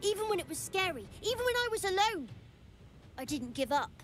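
A woman's voice: very high-pitched, sing-song, a little fast, fairly bright tone, soft background music, full character voice. A woman voicing a lonely, defiant shadow child in a video game, speaking in a petulant, childish way. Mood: hurt.

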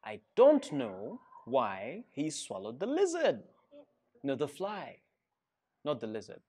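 A middle-aged man with a Ugandan accent reads a rhyming picture book to seated schoolchildren in an indoor reading room, playful and encouraging. His mid-range voice swoops wildly in pitch, and he takes it slowly, sounding a little mellow and slightly rough.

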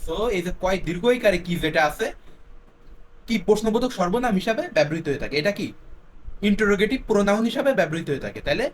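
A man teaching a grammar lesson. He explains step by step, slips English words in, and repeats his example sentences slowly. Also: high-pitched, sing-song, slight background noise.

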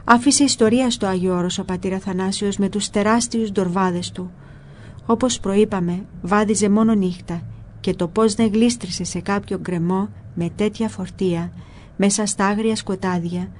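A woman narrating a spiritual book in a calm, measured storytelling voice. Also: medium pitch, a little hiss or hum.

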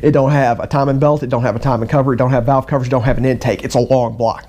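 A middle-aged man telling a personal story in a casual, animated way, acting out both sides of conversations. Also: medium pitch, rapid-fire. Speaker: vlogger.

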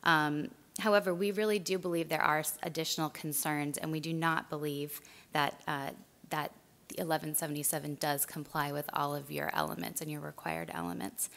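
A woman giving formal public testimony at a board meeting, firm and measured, with some "um"s, speaking into a table mic in a large meeting room. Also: low-pitched, steady tone, vocal fry, a bit bright. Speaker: public commenter for a law advocacy center. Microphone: table microphone.

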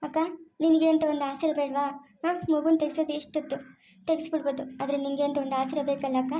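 Woman as comforting younger sister, soothing coaxing talk, high voice, mellow tone. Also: flat delivery, fast talker, slight background noise, close to an everyday voice. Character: caring younger sister comforting her sibling. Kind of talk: amateur family drama acting.

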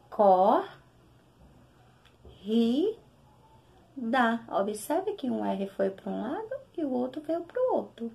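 A young Brazilian woman teaching a recorded lesson to small children, drawing out syllables in a slow sing-song way. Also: fairly high pitch, vocal fry, mellow. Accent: Brazilian Portuguese. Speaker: primary school teacher.

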